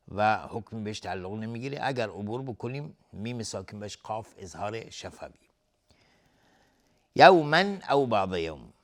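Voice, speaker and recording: A man teaching tajweed, slowly chanting verse phrases and then briefly explaining the pronunciation rules, sometimes trailing off into a whisper. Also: mid-range voice. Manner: drawn-out chanted recitation alternating with quick explanation. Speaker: Quran recitation teacher. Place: television studio.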